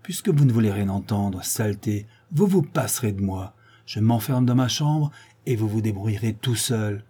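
A man's voice: lowish voice, lively intonation, normal speed, mellow, husky. A man voicing a bitter, furious grown daughter of a farmer in a read-aloud story, ranting and insulting.

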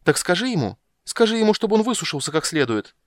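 A man voicing a vain, shrill female sea siren who talks in a sing-song, indignant way. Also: big pitch swings, fast talker, no room sound, clean studio sound. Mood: haughty demanding.

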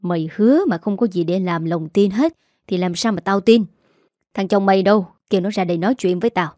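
A woman voicing an angry older female moneylender who scolds fast and rough. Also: medium pitch, mellow, dry recording, studio quality, lightly acted. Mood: scolding.

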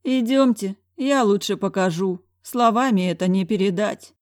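A panicky older school director wails and pleads theatrically, as a woman reads him in a pitched-up, louder voice. The dry, close audiobook recording keeps every whimper up front. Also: normal speed, dry recording, lightly acted. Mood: tearful pleading. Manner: theatrical, whining, exclamatory.

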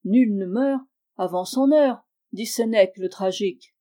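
A woman's voice: medium pitch, measured pace, warm tone, natural voice. A woman reading the lines of a cunning male sorcerer who sermonizes in a lofty, wordy manner, in an audiobook of a classic tale. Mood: lecturing.

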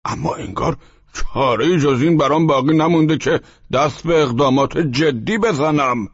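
A man's voice: a little high, breathy edge, no echo, lo-fi sound, voice pushed up. A man voicing a stern middle-aged landlord who lectures his tenant, in an audiobook. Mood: angry. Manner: reproachful, lecturing. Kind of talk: audiobook character voice.

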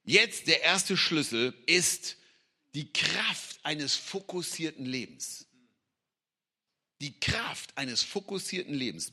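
A middle-aged man preaching an energetic sermon, acting out quotes and sometimes shouting. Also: high-pitched. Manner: animated, acts out quotes and voices, sometimes shouts.

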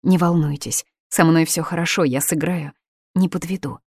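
A woman voicing a young actress daughter who reassures quickly and eagerly. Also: sits low, steady tone, darkish tone, husky, dry recording.

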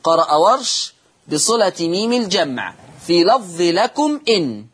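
Husky Egyptian man teaching Quran recitation. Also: high-pitched, very animated, unhurried, fairly bright tone. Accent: Egyptian Arabic. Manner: explains step by step, asks and answers his own questions. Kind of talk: TV lesson on Quran reading rules.

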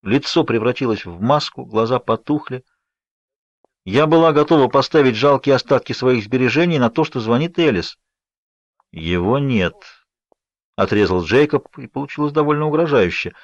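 A man narrating a first-person novel in a steady, measured reading. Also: medium pitch, no room sound. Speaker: audiobook narrator. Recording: dry, slightly dull audiobook recording.

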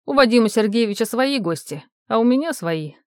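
A woman's voice: on the high side, lively intonation, brisk, a little mellow, no room sound, studio quality, pitched above the performer's own voice, close to an everyday voice. A woman voicing a curt, cold young man who speaks tersely in an audiobook. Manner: terse, muttered.

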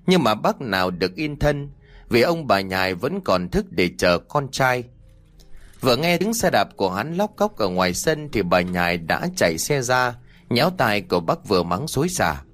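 A man narrating a story as an audiobook reader, expressive and lively. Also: lowish voice.

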